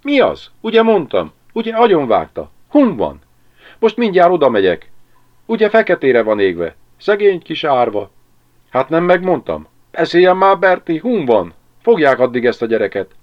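A man reading an audiobook and voicing an excitable, gossiping village woman who chatters breathlessly. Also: medium pitch, hardly any pauses, no room sound, lo-fi sound, pitched above the performer's own voice, lightly acted. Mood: excited.

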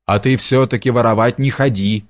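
A man voicing a gruff stern forester. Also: medium pitch, fairly even intonation, normal speed, natural voice. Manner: curt, gruff. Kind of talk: audiobook character reading.

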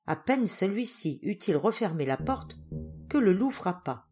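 A woman narrating a traditional fairy tale as an audiobook reader, in an expressive storytelling way. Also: medium pitch, a little slow, faint music behind. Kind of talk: storybook reading.

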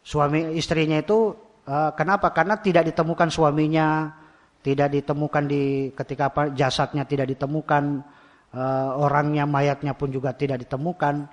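A man's voice: on the high side, level tone, normal speed, dull audio. A man with a Javanese Indonesian accent teaching a religious study class, often asking rhetorical questions and repeating key phrases. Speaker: Islamic teacher.

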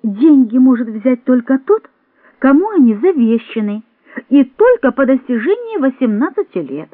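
A woman's voice: high-pitched, sing-song, normal speed, no room sound. A woman reading a patient, firm bank clerk. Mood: explaining. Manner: patient, explaining firmly. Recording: dry, tinny phone-like sound.

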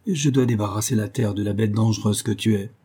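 A man's voice: lowish voice, steady tone, quick pace, mellow, slightly rough. A man doing a cold vengeful young hero. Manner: cold, trembling with anger.

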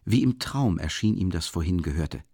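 Expressive male audiobook narrator. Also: low-pitched, normal speed, slightly rough, no echo, clean studio sound. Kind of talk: scripted literary narration.

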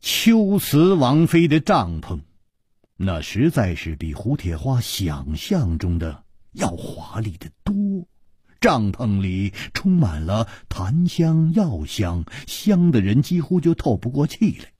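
A male storyteller with a deep, very husky voice that rises and falls in broad swoops. He takes his time, stretching out phrases dramatically, recorded dry and close. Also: sing-song, slow, dark tone, dry recording.

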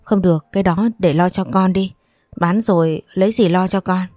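A woman's voice: fairly low pitch, steady tone, normal speed, dark tone, no echo, studio quality, lightly acted. A woman voicing a whining, cowardly older brother. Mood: pleading. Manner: pleading, whining. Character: irresponsible pleading older brother, loud but cowardly.

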